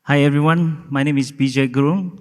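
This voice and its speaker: A man's voice: a little high, steady tone, a little fast, darkish tone. Chatty man from Nepal in a hall. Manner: chatty, self-deprecating humor. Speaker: panelist. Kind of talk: self-introduction on a panel. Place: conference hall. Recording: reverberant conference hall.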